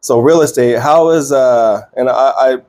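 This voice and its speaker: A man's voice: medium pitch, unhurried, a little mellow. A man in his thirties hosting a podcast, chatting casually with loose slang and plenty of fillers and restarts. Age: 30s. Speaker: podcast host. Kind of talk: casual chat.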